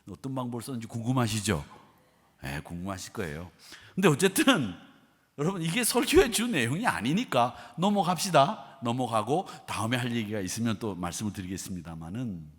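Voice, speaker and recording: A middle-aged male pastor preaching a sermon with storytelling, animated, swinging between quiet asides and loud outbursts, with a husky voice. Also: medium pitch. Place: church sanctuary. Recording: sanctuary with long reverb.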